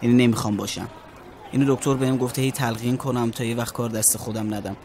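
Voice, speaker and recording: A man's voice: medium pitch, fairly even intonation, a little mellow, close to an everyday voice. A man doing a tense young man in his twenties who keeps a tight lid on his temper, speaking in a mid-range voice. Faint background noise runs under the film narration. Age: 20s. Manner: tense and clipped, grows agitated. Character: young man fighting to hold his anger in. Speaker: narrator and lead character.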